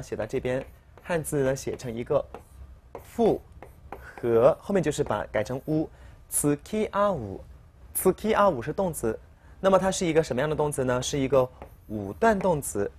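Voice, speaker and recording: A woman's voice: deep voice, darkish tone. Methodical woman drilling vocabulary. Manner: methodical, repeats each word twice for drilling; patient, step-by-step explaining with questions to the learner. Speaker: Japanese language teacher. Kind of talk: recorded vocabulary lesson.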